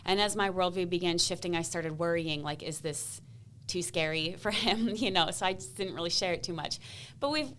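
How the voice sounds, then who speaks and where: A woman guest on a podcast, telling stories in a lively way, laughing often and acting out the people in them. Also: lowish voice, normal speed, slight background noise. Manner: animated, laughs often, acts out voices in her stories. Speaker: podcast guest, comedian and speaker. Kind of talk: casual interview storytelling.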